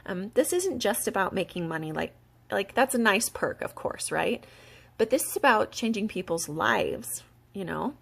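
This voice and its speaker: An eager woman pitches a business opportunity in a loose, chatty way, full of fillers and quick laughs. Her voice has a gravelly fry running under it, and her pitch sits in a middle range. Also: lively intonation. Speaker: beauty product distributor. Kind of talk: casual promotional pitch.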